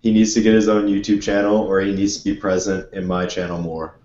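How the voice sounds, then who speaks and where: A man's voice: lowish voice, flat delivery, a little fast, a little mellow. Laid-back man on an echoey lo-fi mic. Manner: laughs a lot, easygoing. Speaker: podcast host. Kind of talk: casual podcast chat. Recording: lo-fi echoey room with faint noise.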